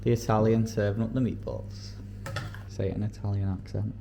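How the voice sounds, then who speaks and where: A man's voice: on the low side, little pitch movement, fairly quick, vocal fry, noisy background. A man hosting a casual home vlog, chatting upbeat about coffee and his meals in the kitchen. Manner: chatty, upbeat commentary on food and training. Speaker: vlog host.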